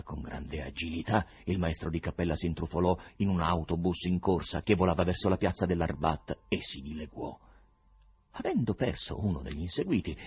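A man narrating a novel with a deep, low voice, reading expressively. His tone is husky and breathy throughout. His pitch rises and falls with lively animation. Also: no room sound. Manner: expressive storytelling. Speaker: audiobook narrator.

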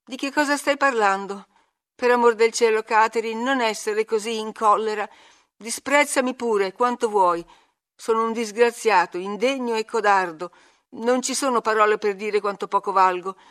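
A woman's voice: on the high side, moderate pace, fairly bright tone, lightly acted. A woman reading an audiobook, voicing a frail, frightened young man who speaks in a broken, pleading voice.

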